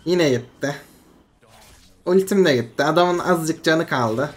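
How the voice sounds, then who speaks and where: A game streamer giving casual, excitable commentary over their own match, swinging between frustration and hype and talking themselves back to calm. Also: mid-range voice, a little slow. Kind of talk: live gameplay commentary.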